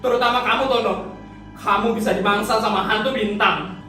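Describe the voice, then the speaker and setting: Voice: medium pitch, fairly even intonation, brisk, pushed and bright, close to an everyday voice. A performer doing an ominous, ghost-wise classmate. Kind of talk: amateur fan horror drama. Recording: very echoey, far from mic, music behind.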